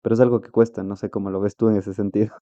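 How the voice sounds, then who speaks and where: A man's voice: on the low side, level tone, rapid-fire, dark tone, dry recording, muffled recording. A man hosting an interview podcast, asking rambling questions and backing up his guest with frequent "ujú". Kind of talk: casual interview talk.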